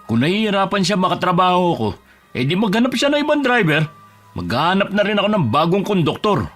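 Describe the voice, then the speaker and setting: A man's voice: mid-range voice, brisk, natural voice. An actor playing a bus driver and husband who has turned curt and defensive, snapping and raising his voice. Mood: hostile. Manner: curt, bristling, flares into shouting. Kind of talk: audio drama acting. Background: music.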